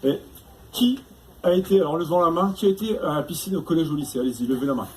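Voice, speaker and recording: A male stand-up comedian with a notably high voice works the crowd, chatty and teasing, forever tacking tag questions onto his lines. It is recorded live on a stage before an audience, with a noisy room behind him. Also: lively intonation, quick pace.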